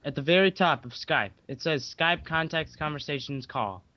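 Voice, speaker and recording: A man's voice: fairly high pitch, expressive, moderate pace, no room sound, dull audio. A young man co-hosting a casual podcast, speaking hesitantly with lots of ums and likes. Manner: hesitant, filler-heavy. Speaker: podcast co-host.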